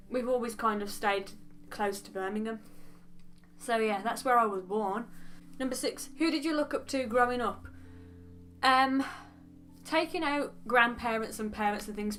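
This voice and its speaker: A young woman from the English Midlands, with a West Midlands accent, chats frankly in a casual get-to-know-me beauty vlog, rambling off into asides. Her voice is medium in pitch and a bit bright.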